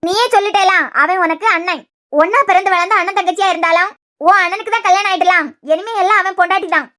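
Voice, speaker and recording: A woman's voice: extremely high pitch, fairly even intonation, fast talker, sharp tone, no echo, studio quality. A woman voicing a stern mother in a cartoon, giving firm orders in a Kanyakumari Tamil accent. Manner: firm, commanding. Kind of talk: cartoon voice acting.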